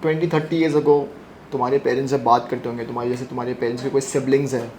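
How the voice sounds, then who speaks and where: A man's voice: medium pitch, level tone, racing, darkish tone, slight background noise. A man teaching a physics class. He keeps asking his students questions, repeats their answers back, and teases them between points. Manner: joking and teasing with students. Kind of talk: classroom lecture.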